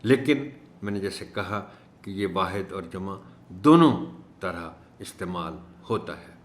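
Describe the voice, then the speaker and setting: A man teaching an Urdu lesson for teachers, speaking in a measured way and slowing down to stress each word he corrects. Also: low-pitched, lively intonation. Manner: measured, stresses words slowly when correcting pronunciation. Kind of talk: instructional video lesson. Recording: echoey room.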